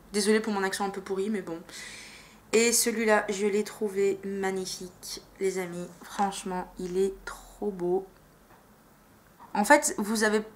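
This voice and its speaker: A woman's voice: mid-range voice, a bit bright. Chatty woman vlogging about makeup buys. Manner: chatty, enthusiastic, many fillers. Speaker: beauty vlogger. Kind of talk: casual vlog chat.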